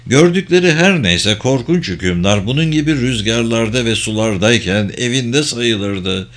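A man narrating an adventure novel as an audiobook, in a steady, measured storytelling voice. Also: medium pitch.

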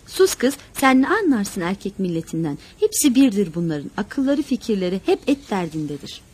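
A woman's voice: mid-range voice, sing-song, normal speed, darkish tone, slightly rough. A woman reading the part of a wary village mother who talks bluntly and scolds. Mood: scolding. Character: wary village mother, stern toward men.

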